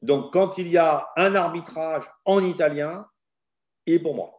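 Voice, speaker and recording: A middle-aged man who is a law professor and arbitrator answers student questions in an online session, giving frank, opinionated, lively explanations. His voice is a little high and his pace is measured.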